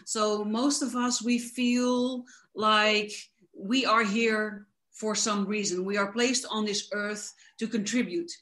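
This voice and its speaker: A woman speaks as an interview guest, explaining her coaching work at a medium pitch. She is fluent and enthusiastic, moving easily from one point to the next. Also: steady tone, takes it slowly, a bit bright. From the Netherlands. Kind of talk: casual interview.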